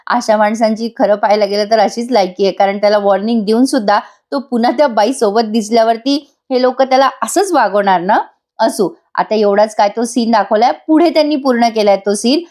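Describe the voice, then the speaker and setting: A woman's voice: on the high side, a little mellow. A woman giving a chatty voice-over review of a TV serial, talking straight to viewers and laughing often.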